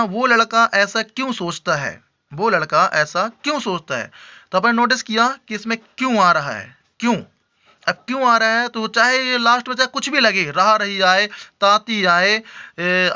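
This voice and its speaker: Man, from India, English teacher, patient step-by-step explaining, high voice, dull lo-fi sound. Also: pushed and bright. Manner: explains patiently, with frequent check-ins and slow repeated example sentences. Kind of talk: Hindi-language English lesson. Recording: dull lo-fi recording.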